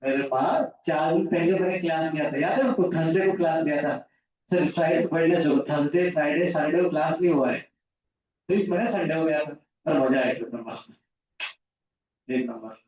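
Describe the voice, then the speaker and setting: A man's voice: on the high side, fairly quick. Guy teacher rambling to his class, echo everywhere, kinda muffled dull sound. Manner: chatty, jumps between lesson and anecdotes. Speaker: physics teacher. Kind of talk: informal classroom talk. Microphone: far from the mic. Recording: echoey room, distant mic, dull sound.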